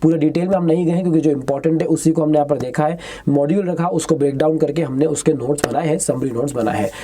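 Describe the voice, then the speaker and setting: A man delivers an exam-prep lecture in a blend of Hindi and English, reading the questions slowly and tossing in chatty asides. His voice sits on the high side and sounds mellow.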